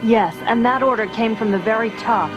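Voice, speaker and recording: A woman plays a brisk rebel princess giving orders in a composed, fairly high voice. Music runs behind her throughout. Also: close to an everyday voice. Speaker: rebel princess and mission leader.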